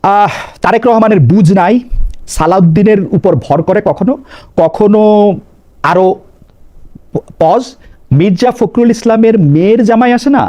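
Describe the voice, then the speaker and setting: A man's voice: high voice, moderate pace, pauses often, warm tone. A man hosting a live political talk show, pressing his guest with repeated questions and mixing English phrases into his speech.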